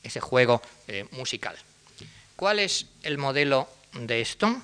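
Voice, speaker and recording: A man's voice: medium pitch, very animated, unhurried, a bit bright, clean tone. A man giving an academic lecture, explaining step by step and speaking directly to his audience.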